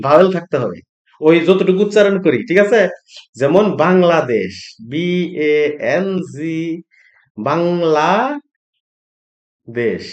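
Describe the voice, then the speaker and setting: A male Japanese-language teacher giving an online lesson. He repeats phrases as he explains and keeps asking if the students follow. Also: high-pitched. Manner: repetitive, checks understanding with "ঠিক আছে?". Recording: echoey room.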